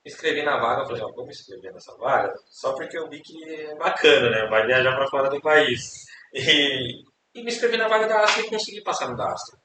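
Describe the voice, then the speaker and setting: This young Brazilian man's voice is a little high, animated, and fairly quick as he casually recounts his life on a podcast, repeating words and tagging questions onto his sentences. The recording has hiss and echo from a distant mic.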